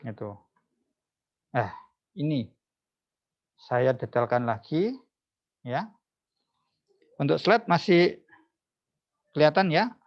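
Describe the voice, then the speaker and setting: A man's voice: fairly high pitch, very animated, slow pace, long pauses. A psychologist giving an online seminar talk, often asking his audience rhetorical questions and addressing them formally. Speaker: psychologist speaking at a webinar. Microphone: video call. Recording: dull lo-fi video call audio.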